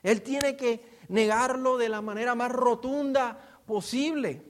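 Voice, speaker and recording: In a very high-pitched, unhurried voice, a man with a Puerto Rican accent preaches an expository sermon informally. He tells it as a story, explaining scripture, acting out quotes and asking rhetorical questions.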